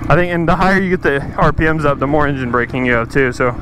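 A man's voice: fairly high pitch, fast talker. A man vlogging casually from inside a helmet as he rides a dirt bike, thinking aloud in short bursts. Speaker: motovlogger. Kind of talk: casual riding commentary. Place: outdoors on a dirt bike in a yard. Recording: helmet mic under loud motorcycle engine noise. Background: loud motorcycle engine.

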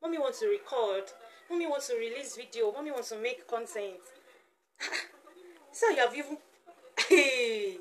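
A woman's voice: on the high side, normal speed, a little mellow, a little hiss or hum. A woman, chatting playfully in a casual vlog and cooing teasingly at her baby. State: sweating, flustered. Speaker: vlogger, mother of a baby.

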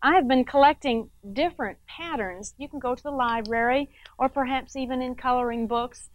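A woman's voice: high voice, moderate pace, no room sound, highs cut off. A middle-aged woman hosting a quilting show, demonstrating step by step in a chatty way with frequent tag questions to the viewer. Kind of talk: instructional TV demonstration.

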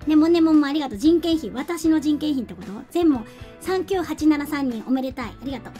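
A young woman chats with her viewers in a high, bright voice, laughing often and thanking them by name. She talks at a desk mic while faint music plays behind her. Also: a little fast. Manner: chatty, giggly, reads out and thanks viewers. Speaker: game streamer. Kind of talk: casual live-stream chat.

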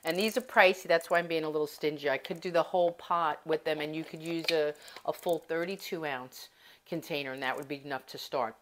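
In her own kitchen, a home cooking vlogger chats informally while showing how to cook, wandering off topic and confiding in her audience. She has a low voice. Slight background noise and poor audio mark the recording.

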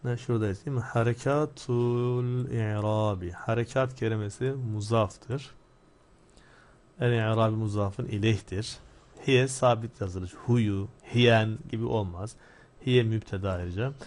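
A man teaching an Arabic grammar lesson, explaining step by step and asking and answering his own questions. He reads Arabic phrases slowly, then explains them quickly. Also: on the low side, steady tone, darkish tone.

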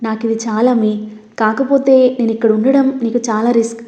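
A woman voicing a grateful young man who speaks softly with concern. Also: fairly high pitch, fairly even intonation, a little fast, reverberant, muffled recording, natural voice. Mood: tender.

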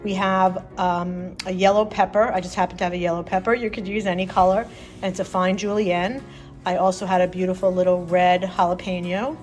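This middle-aged woman's voice is medium-pitched and a little mellow as she hosts a casual cooking demonstration, explaining each step of a recipe. She's indoors in her home kitchen, with music and frying sizzle behind her.

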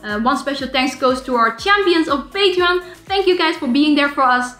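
A woman's voice: high-pitched, animated, normal speed, fairly bright tone, echoey room. A woman hosting a vlog, chatting casually to camera with fillers and restarts. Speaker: vlog host.

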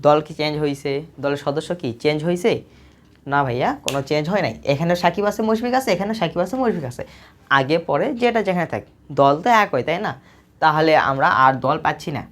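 Woman math teacher, low voice, patient and repetitive, answers her own questions. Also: expressive, quick pace. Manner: patient, repetitive explaining, asks questions and answers them herself. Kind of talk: recorded video lesson.

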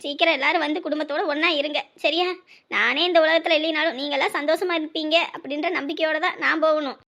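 A woman's voice: high voice, fairly even intonation, a bit bright, highs cut off. An actress playing an older mother-in-law who gives blunt, heartfelt advice to the family. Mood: tender. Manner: slow, heartfelt, earnest advice. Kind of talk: family drama acting.

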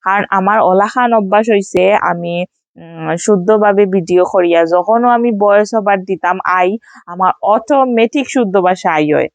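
A woman's voice: mid-range voice, moderate pace, dry recording. A woman from Sylhet, Bangladesh, with a Sylheti Bengali accent, chatting casually in a vlog voice-over and sprinkling in English fillers. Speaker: vlogger.

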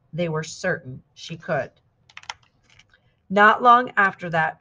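Female storybook reader, lower voice, measured narration. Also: lo-fi sound. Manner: steady, clear storytelling with lively quoted shouts. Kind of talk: scripted narration of a picture book.

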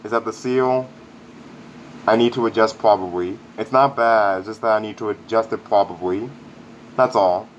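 Man, muffled through a face mask, lowish voice, casual rambling review, dull lo-fi sound, faint air conditioning hum. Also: steady tone, normal speed. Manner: rambling, upbeat, repeats himself. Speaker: product reviewer.

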